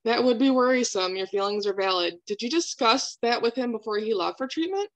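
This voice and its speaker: A woman speaking as a calm therapist in a counseling role-play, validating and asking reflective questions. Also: fairly high pitch, a little fast.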